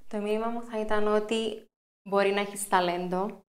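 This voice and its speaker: A woman's voice: mid-range voice, steady tone. A woman with a Cypriot Greek accent giving conversational interview answers, switching into English phrases as she goes. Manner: mixes English phrases into speech. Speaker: interview guest, company founder.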